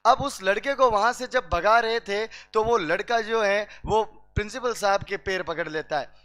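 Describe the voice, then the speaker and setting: A man's voice: high voice, normal speed, sharp tone. A man telling comic stories to a class, quizzing the listeners and repeating each punchline. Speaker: teacher telling jokes to students.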